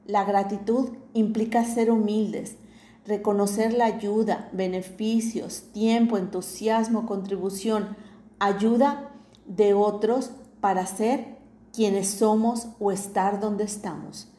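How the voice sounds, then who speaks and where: Woman, scripted inspirational narration, unhurried measured delivery, echoey room. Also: medium pitch, steady tone, dark tone. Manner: measured, deliberate reading with pauses between phrases. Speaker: narrator of a reflective series.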